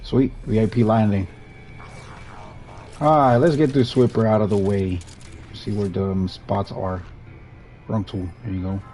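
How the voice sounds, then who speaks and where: Narrating his gameplay, this young streamer from Puerto Rico talks in a fairly low, dark, steady voice, a little slowly and with frequent pauses. A native Spanish speaker with a Puerto Rican Spanish accent, he's relaxed and rambling and often starts his sentences over.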